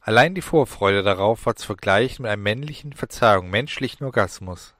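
A male audiobook narrator reads in a low, even voice, taking his time with every phrase. The recording is dry and close, with no room sound. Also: fairly quick, no room sound.

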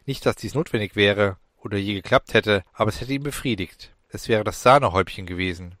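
A man narrating an audiobook in a measured, deliberate reading. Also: fairly low pitch, fairly bright tone, no room sound, clean studio sound.

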